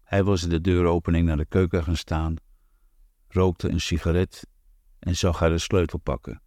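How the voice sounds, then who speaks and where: A man narrating an audiobook in a calm, measured, even reading. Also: sits low, no room sound, clean studio sound. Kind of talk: scripted narration.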